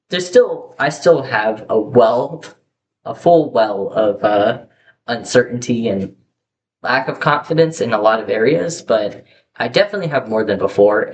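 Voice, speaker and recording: In a casual vlog, a young man speaks openly and chattily to the camera, restarting and correcting himself often amid many fillers. The recording comes from a poor camera mic with faint hiss in the background.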